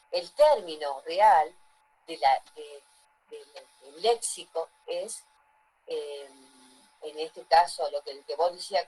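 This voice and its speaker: A deep, dark voice with a breathy edge belongs to a woman giving a lecture and repeatedly asking her students if they're keeping up. The recording quality is rough.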